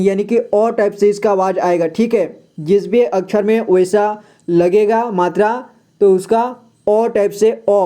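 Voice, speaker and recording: A man's voice: high voice, dark tone. A man teaching beginners to read Hindi, patiently sounding out each word letter by letter, then repeating it and asking the listener to say it back. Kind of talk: slow reading lesson for beginners.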